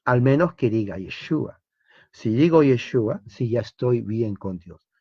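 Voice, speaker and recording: A man's voice: mid-range voice, expressive, measured pace, mellow, slightly rough, no echo. A man teaching a theology lecture as a Bible teacher, emphatic and full of rhetorical questions, on a dull lo-fi recording.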